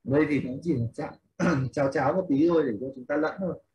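A man's voice: fairly high pitch, fast talker, a little mellow, low-quality recording. A man teaching an English class in Vietnamese, explaining a reading step by step and questioning his students as he goes. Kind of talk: online class instruction.

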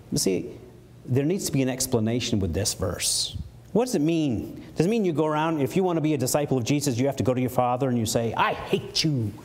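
A man preaching a sermon in a church, animated, acting out playful mock quotes as he explains a verse. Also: medium pitch. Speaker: pastor. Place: church sanctuary. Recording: faint background noise from a live stream.

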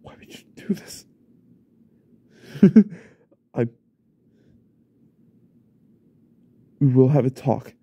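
A young man voicing an unstable, remorseful young husband in a whispered role-play, stammering and repeating himself in a husky, often whispered voice. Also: mid-range voice, expressive, takes it slowly, warm tone, full character voice. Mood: defensive. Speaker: ASMR role-play creator.

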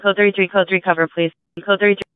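A man's voice: high-pitched, level tone, racing, clean tone, no echo, voice pushed up. A man putting on a police radio call, a dispatcher urgently calling out a code in clipped bursts. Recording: tinny radio-band sound.

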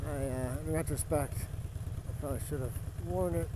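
A man's voice: fairly high pitch, moderate pace. A man giving casual, easygoing commentary in short bursts from inside a helmet while riding a motorcycle outdoors. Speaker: motorcycle vlogger. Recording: loud motorcycle engine noise, helmet mic. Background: motorcycle engine.

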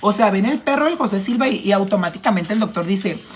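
A flamboyant man with a Mexican accent hosts a casual makeup livestream and reads out his viewers' comments in a camp, chatty tone. He is fighting off a cold and keeps clearing his throat between playful, cheeky remarks. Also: sits high, animated, fast talker, a little hiss or hum. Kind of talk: casual live chat, reading comments aloud.

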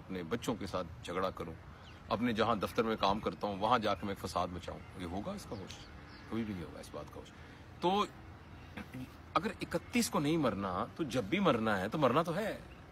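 A man's voice: mid-range voice, fairly bright tone, a little hiss or hum. A man giving an earnest motivational talk in a preaching manner, rising to emphatic peaks. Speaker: motivational speaker.

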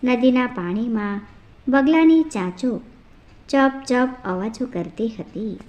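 A woman with a fairly high voice reads a folk tale aloud at a slow, unhurried pace. She tells it in measured storytelling narration and reads the characters' quoted lines as part of the tale. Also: lo-fi sound.

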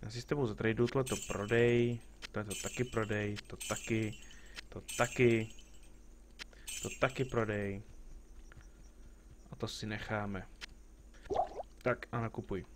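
A man's voice: on the low side, steady tone, long pauses, noisy background. Joking man chatting through a game stream. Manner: joking, chatty, talks back to game characters and greets viewers. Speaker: live streamer playing a game. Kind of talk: casual gameplay commentary.

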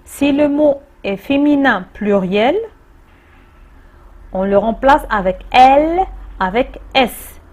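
A woman teacher with a Moroccan French accent, explaining a distance-learning grammar lesson slowly and patiently, repeating key points. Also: high voice, animated, darkish tone. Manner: slow, patient explaining with repetitions. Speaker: primary school teacher.

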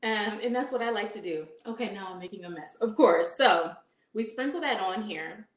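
A dietitian in her thirties gives an upbeat live cooking demonstration in her home kitchen, asking her audience questions. She speaks at medium pitch and moderate pace, captured by a camera at medium distance with echoey room sound.

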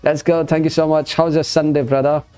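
A man's voice: on the high side, flat delivery, fairly quick, dark tone, clear, resonant tone, soft background music. A man, chatting casually as a gaming livestream host, chummy and repeating short phrases. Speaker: live streamer and host. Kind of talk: casual gaming livestream chat, greeting viewers. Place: indoor streaming setup.

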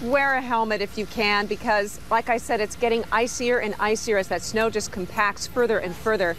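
A woman's voice: mid-range voice, fairly even intonation, moderate pace, a bit bright, slight background noise. A woman in her thirties with an American accent giving a live field report outdoors. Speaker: TV news reporter. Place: outdoors on a snowy street.

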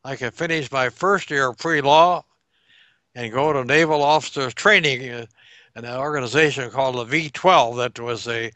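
A World War Two veteran in his nineties gives an oral history interview over a video call, using a headset in a room at home beside a staircase. His medium-pitched voice is bright and crisp with no echo. He recollects slowly and reflectively, pausing to recall dates.

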